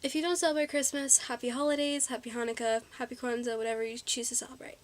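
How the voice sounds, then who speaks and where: A woman's voice: a little high, fairly even intonation, fast. A teenage girl chatting in a casual haul vlog, bubbly and a little out of breath, with lots of ums and likes. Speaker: vlogger.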